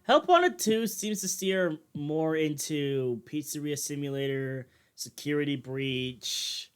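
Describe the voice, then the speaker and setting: A man's voice: a little high, slow, smooth. A young man co-hosting a casual podcast chat with friends, rambling with lots of fillers and restarts. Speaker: podcast co-host.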